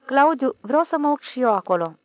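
Woman reader doing a high, pleading little village girl, insistent and eager. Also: darkish tone, no room sound, natural voice. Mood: coaxing.

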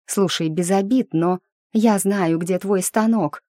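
Sly pushy reporter lady, brisk and wheedling, dry close sound , as a woman reader puts her on. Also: medium pitch, dark tone, dry recording, voice pushed up. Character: pushy young female journalist, sly. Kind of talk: audiobook character reading.

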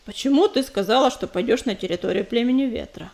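A steady young tomcat warrior from a storybook, speaking low and measured, never rattled, as a woman reader lowers her voice for him. He sounds calm and sensible. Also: gravelly. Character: young male warrior cat, calm and level-headed.

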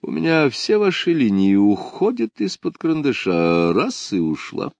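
A male audiobook reader voicing a brash, blunt painter who talks in a gruff, sardonic way. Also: medium pitch, big pitch swings, a little slow, a little mellow, no echo, pitched above the performer's own voice. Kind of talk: audiobook character voice.

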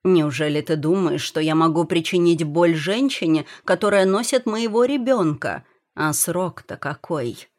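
A woman's voice: lowish voice, unhurried, hardly any pauses, close to an everyday voice. Brief: woman reading an imperious young prince, hot-tempered, barks orders. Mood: earnest. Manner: commanding, shouting. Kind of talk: audiobook character voice.

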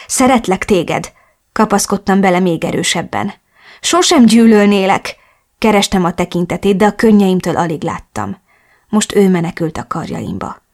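A woman narrating a novel in the first person, reading expressively and with emotion. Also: mid-range voice. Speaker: audiobook narrator.

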